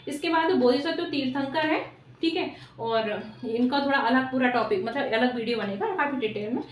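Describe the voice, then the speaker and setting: At the whiteboard in a classroom, a woman teaches an exam-prep lesson, frequently saying "ठीक है" and testing her students through rhetorical questions. She speaks high at a normal speed, heard off-mic in an echoey room with a little hiss or hum.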